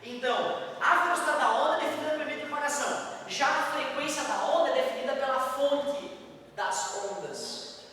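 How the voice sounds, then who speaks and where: A man's voice: very high voice, moderate pace, bright, forceful tone. A man teaching a physics lesson, explaining each step patiently and tossing casual asides to his students. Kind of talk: classroom lecture. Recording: very echoey, distant, faint background noise.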